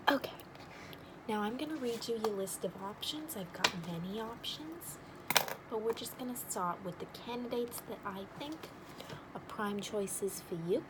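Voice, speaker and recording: A woman's voice: on the high side, lively intonation, normal speed, background noise, natural voice. A woman playing a blunt, nosy, wisecracking matchmaker in an ASMR role-play, with an overdone regional accent and teasing sales patter. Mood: persuasive.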